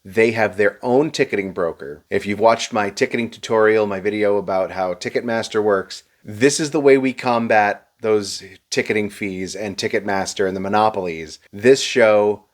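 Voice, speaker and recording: A man reviewing a show to camera, explaining prices and seating in a steady, advice-giving way with a touch of dry sarcasm. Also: fairly low pitch, moderate pace, hardly any pauses.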